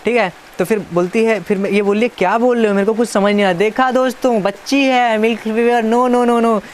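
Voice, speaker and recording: A man's voice: high voice, fairly even intonation, a little fast, slight background noise. A man casually reading out a chat and adding teasing, playful comments as a YouTuber. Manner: playful, teasing, reads chat lines aloud.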